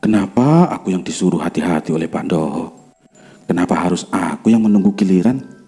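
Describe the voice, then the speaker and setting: A man's voice: low voice, animated, brisk, dark tone, husky, faint music behind. A man voicing a frightened young woman asking herself anxious questions. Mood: fearful.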